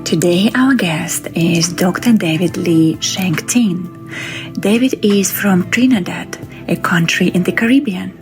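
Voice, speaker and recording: A woman hosting a podcast, opening with a slow, soft scripted intro and then interviewing a guest. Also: lowish voice, over music. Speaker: podcast host.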